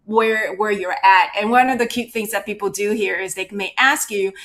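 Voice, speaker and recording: Her fairly bright, medium-pitched voice moves at a normal speed as she leads a virtual workshop on cultural awareness. Coming through a video call, she keeps things conversational and regularly checks in with "right?" and "you know."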